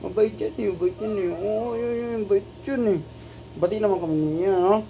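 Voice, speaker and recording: Woman pet owner, casual coaxing baby talk to her cat; warm dark tone, faint noise on a dull home recording. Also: medium pitch, moderate pace. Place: at home indoors.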